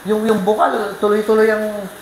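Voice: medium pitch, moderate pace, roomy sound, slight background noise, rough recording. A pastor preaching a sermon, telling a story with energy and keeping the congregation involved with questions. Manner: lively storytelling, keeps asking the congregation questions. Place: church.

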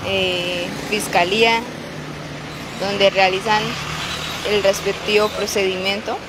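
A woman reporting live from a city street as a local news reporter, pausing often with filler sounds. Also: medium pitch, flat delivery. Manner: halting, many filler "eh"s. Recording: street noise behind the voice. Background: traffic and street noise.

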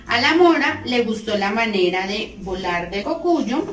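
Slow, expressive woman storyteller. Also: a little high. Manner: slow, expressive, sing-song. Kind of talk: children's story narration. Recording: roomy, distant mic, faint music.

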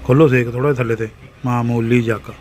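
A man's voice: mid-range voice, fairly even intonation, very fast, a little mellow, a little hiss or hum. A man with a Punjabi accent chatting casually as a family vlogger, teasing and exclaiming as he goes. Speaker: vlogger filming family cooking.

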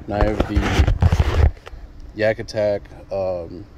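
A man's voice: on the low side, level tone, takes it slowly. A young man casually showing off a fishing build on a phone camera outdoors, rambling with many ums and restarts. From Michigan. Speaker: fishing channel host. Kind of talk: casual how-to vlog. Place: outdoors in an apartment parking lot. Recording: noisy outdoor phone recording.

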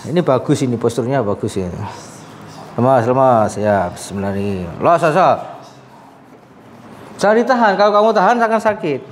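A man's voice: medium pitch, big pitch swings, moderate pace, pauses often, slight background noise. A man, a sports massage therapist talking casually and coaxing a patient while he works, often laughing.

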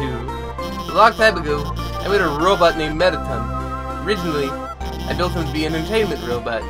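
A man voicing a nervous, nerdy female lizard scientist, stammering and flustered as he reads game dialogue aloud. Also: sits high. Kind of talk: reading game dialogue aloud in a let's play.

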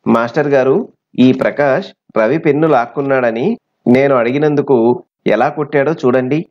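A man's voice: medium pitch, moderate pace, natural voice. A man voicing an honest, brave young schoolboy in a plain reading voice. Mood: indignant. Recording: slightly muffled recording.

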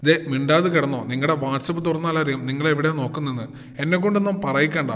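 A man voicing a sharp-tongued wife who scolds her husband tartly. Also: on the high side, fast talker, in a large hall, natural voice. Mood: scolding. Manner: scolding, tart.

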